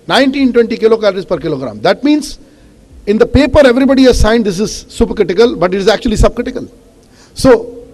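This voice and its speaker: A high-voiced man with an Indian English accent gives an impassioned speech from a stage, pressing his warnings hard and dropping "you know" between points. His voice carries a long reverb from a large event hall. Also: a little mellow. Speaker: awards host and speaker.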